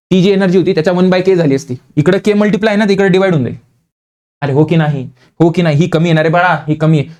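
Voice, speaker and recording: High-voiced coaxing male physics teacher. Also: darkish tone. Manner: repetitive, coaxing, voices student questions himself. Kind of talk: exam-prep lecture.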